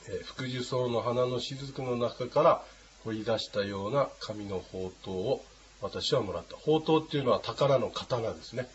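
A man teaching a language class, patient and unhurried, with many hesitating fillers. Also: medium pitch. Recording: dull lo-fi with faint noise.

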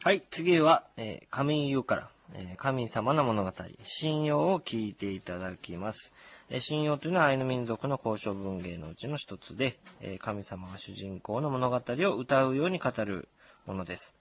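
A man introducing a recorded story on radio in a measured, explanatory way with frequent hesitations. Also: mid-range voice, expressive, lo-fi sound. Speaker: radio presenter. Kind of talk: program introduction.

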